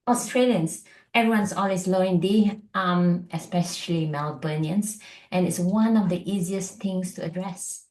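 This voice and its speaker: Middle-aged Malaysian-born woman, low voice, chatty guest doctor, roomy sound. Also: measured pace, darkish tone. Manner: chatty, lots of fillers and likes. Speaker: functional medicine doctor, guest. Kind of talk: casual interview chat.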